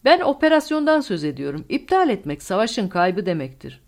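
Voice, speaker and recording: A woman's voice: lowish voice, very animated, a little fast. Woman voicing a bitter, defeated German colonel. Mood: bitter anger. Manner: loud, bitter outbursts.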